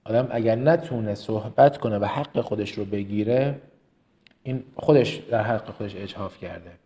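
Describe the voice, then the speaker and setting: A man from Kerman with a slight Kermani Persian accent, giving a motivational business lesson as a trainer. He speaks with emphasis, repeats words for stress and rattles off quick lists. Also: on the low side, dark tone. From Kerman, Iran.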